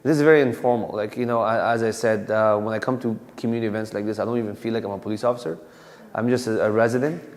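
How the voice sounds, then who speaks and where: An Afghan police officer in his thirties gives an informal talk in a community hall, speaking conversationally with lots of fillers and restarts. His voice is lowish and steady, he talks fast, and the hall adds long reverb.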